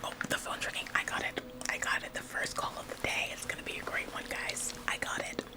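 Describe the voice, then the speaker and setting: An ASMR performer whispers through a roleplay as an overeager, bossy, relentlessly upbeat female office worker, passive-aggressive and falsely modest. Her voice is brisk and lightly acted, with a chipper mood.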